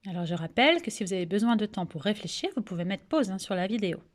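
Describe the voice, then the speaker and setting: A woman teacher with a French accent leads a recorded phonics lesson for young children, pronouncing each word slowly and clearly, asking gentle questions and praising the answers. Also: mid-range voice, lively intonation. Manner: slow, clearly articulated, patient, coaxing questions and praise. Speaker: kindergarten teacher.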